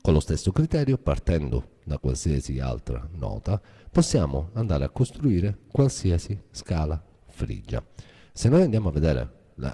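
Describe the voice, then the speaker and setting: A man's voice: very deep voice, mellow, slightly rough. A man giving a guitar lesson, explaining a scale step by step in a methodical way. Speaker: guitar teacher. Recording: guitar playing behind voice.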